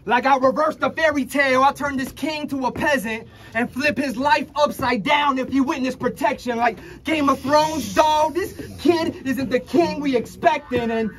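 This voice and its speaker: This young Dominican man, whose first language is Spanish, raps an aggressive, taunting battle verse packed with punchlines in a crowded indoor room. His voice is very high and a bit bright, moving at a moderate pace with few pauses. A handheld camera captures him at close range.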